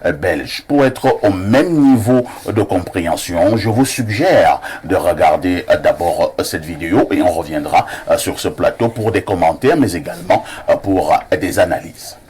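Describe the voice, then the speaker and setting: Deep-voiced man hosting news. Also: animated, moderate pace, hardly any pauses, darkish tone. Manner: hesitant, many filler sounds. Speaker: TV news commentator. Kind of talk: studio commentary.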